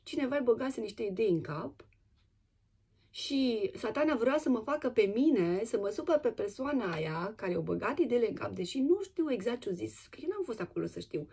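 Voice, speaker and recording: A woman from Romania telling a personal testimony in a casual, animated way, with many fillers and restarts. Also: fairly high pitch, breathy edge.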